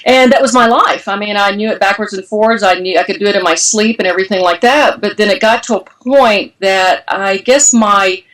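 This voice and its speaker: Woman, forties, franchise owner, animated and chatty, mid pitch. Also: a little fast, few pauses, poor audio. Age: 40s. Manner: animated, chatty, laughs often. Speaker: franchise owner, interview guest. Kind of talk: casual interview storytelling.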